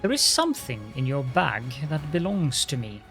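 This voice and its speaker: A man's voice: on the high side, huge pitch swings, normal speed, gravelly, fairly bright tone, soft background music, heavily acted. A man voicing an arrogant undead lich, a lordly military master speaking with haughty, sneering command in a fantasy game. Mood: lordly, demanding. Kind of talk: dramatic voiced game dialogue.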